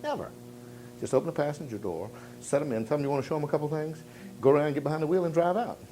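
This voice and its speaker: A man with a slightly high voice delivers a motivational sales seminar to a room of listeners. He tells stories and throws out rhetorical questions, dropping to near-whispers and then building to loud peaks. A faint rumble sits under the recording. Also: racing. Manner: storytelling, rhetorical questions, swings from quiet to loud. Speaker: sales trainer. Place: seminar room with live audience.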